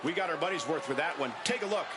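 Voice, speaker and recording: A man's voice: fairly high pitch, lively intonation, fast talker. A man calling professional wrestling as the play-by-play commentator, with a dramatic announcing delivery. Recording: loud roaring arena crowd noise. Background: loud arena crowd and ring thuds.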